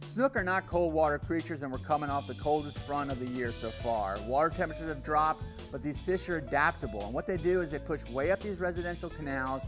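A calm middle-aged man with a slightly raised pitch explains fishing patterns from a seat on an outdoor porch. Guitar music plays clearly behind him. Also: fairly quick, hardly any pauses. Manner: calm, informative. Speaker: fishing show host. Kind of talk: explanatory interview narration.

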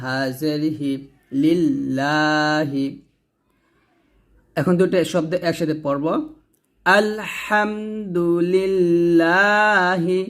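A man teaching recitation, spelling out words letter by letter and drawing the syllables out, then explaining rules more briskly. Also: on the high side, a bit bright. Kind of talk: slow spelled-out recitation lesson.

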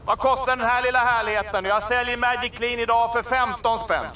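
Brash, swearing male braggart and huckster, brassy and loud. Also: very high-pitched, level tone, recorded from a distance, a little hiss or hum. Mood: pushy salesman. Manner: swears constantly, brash and boastful. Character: crude boastful male wannabe musician and salesman. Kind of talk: sketch comedy acting.

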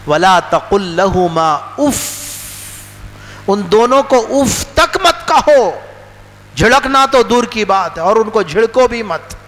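A male preacher giving a religious sermon, speaking emphatically, repeating phrases and moving between soft low lines and raised outbursts. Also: animated, a little slow. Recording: long hall reverb with faint noise.

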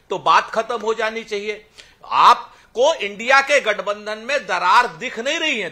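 A man's voice: sits high, sharp tone. A man speaking as a party spokesperson in a heated TV debate, sarcastic and declamatory, reciting couplets. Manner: sarcastic, mocking.

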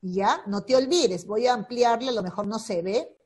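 A woman's voice: on the high side, normal speed, a little mellow. A woman teacher giving an online lesson on a video call, patiently repeating key points and checking in constantly with her students. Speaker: secondary school teacher. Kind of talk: online class explanation.

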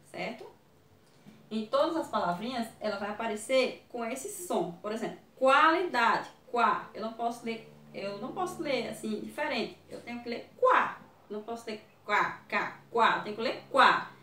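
A Brazilian woman teaching young children in a video lesson, sounding out syllables slowly. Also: fairly high pitch, lively intonation, sharp tone, echoey room, slight background noise. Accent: Brazilian Portuguese. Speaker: primary school teacher.

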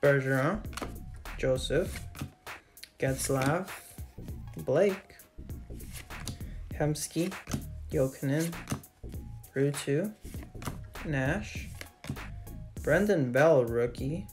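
A woman hosting a casual card-opening video, reading off names one after another in a steady list at her desk. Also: low voice, extremely slow, long pauses. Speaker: channel host opening trading card packs. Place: indoors at a desk with a card display wall. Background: background music.

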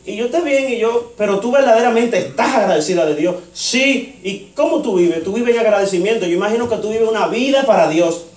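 A male preacher with a high voice tells a story from the pulpit and voices each side of the dialogue. He sounds a little distant from the mic. His voice rings around a large, echoey church. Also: a little fast, hardly any pauses, darkish tone. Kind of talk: sermon. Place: church sanctuary.

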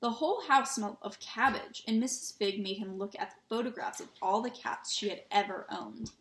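A woman reading a children's novel aloud in a relaxed way, with small slips and restarts, in a roomy-sounding recording. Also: a little high, normal speed. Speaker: reader. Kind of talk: storybook read-aloud. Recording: roomy echo.

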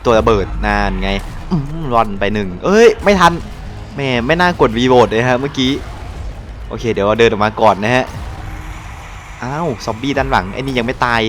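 Brief: young gaming host, excitable running commentary, swears and exclaims often, soft music underneath. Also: male voice, medium pitch, normal speed. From Thailand. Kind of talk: casual live gameplay commentary.

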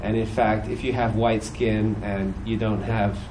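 On the low side in pitch, a British church speaker in his forties preaches a laid-back, humorous Sunday sermon with personal testimony into a stand microphone in a church hall. He was raised across several countries, and American years have softened his accent. The recording is low quality with slight background noise, and he chats along with frequent "you know"s and quick put-on voices.

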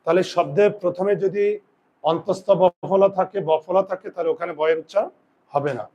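A man teaching a grammar lesson, dictating rules slowly and asking students questions that he then answers himself. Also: sits high, warm tone, muffled recording. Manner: slow deliberate dictation of rules. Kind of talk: classroom lesson.

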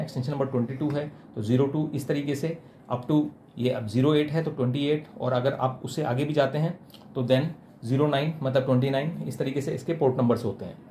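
A man's voice: mid-range voice, warm tone, slight background noise. A man walks viewers through programming a phone exchange, explaining step by step with fillers and terms. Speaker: telecom instructor. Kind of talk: technical tutorial demonstration.

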